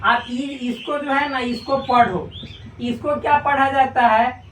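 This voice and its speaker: A man's voice: very high voice, fairly even intonation, a bit bright, distant mic, a little hiss or hum. A male maths teacher gives a casual, joking lesson, stretching and repeating his words. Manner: joking, colloquial, drawn-out repetitions. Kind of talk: casual classroom lecture. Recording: echoey room, voice from afar.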